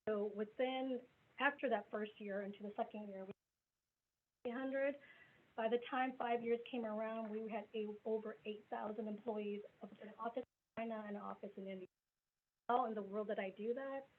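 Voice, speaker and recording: Introducing herself candidly as a business coach over a video call, a forties-aged woman raised in the US Midwest talks at a moderate pace in a steady, somewhat high voice. Faint noise sits under the tinny, phone-quality line.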